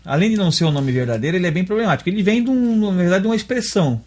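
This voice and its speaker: A man's voice: high voice, lively intonation, rapid-fire, darkish tone. A man with a Brazilian Portuguese accent, teaching a religious lesson step by step and often checking that his listener follows. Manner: explains step by step, often checks understanding with tag questions. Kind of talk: explanatory dialogue lesson.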